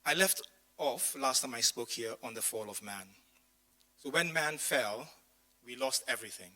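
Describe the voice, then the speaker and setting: In a poor-quality recording from a church community hall, a male pastor gives a conversational sermon with personal anecdotes and asides to the room. His mid-range voice is expressive and sharp-toned at normal speed, and it's strained since, as he says, he lost his voice.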